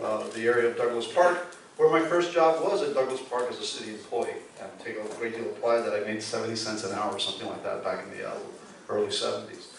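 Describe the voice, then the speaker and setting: A man's voice: mid-range voice, recorded from a distance, a little hiss or hum. Cuban-born man in his sixties, echoey hall. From Cuba. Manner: friendly, joking. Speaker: candidate speaking at a community forum. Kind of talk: public speech.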